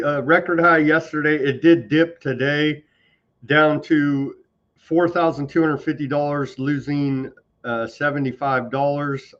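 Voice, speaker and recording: A man's voice: medium pitch, fairly bright tone, lo-fi sound. A man hosting a news talk show, reading headlines and adding wry asides. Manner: reads headlines, then adds wry asides.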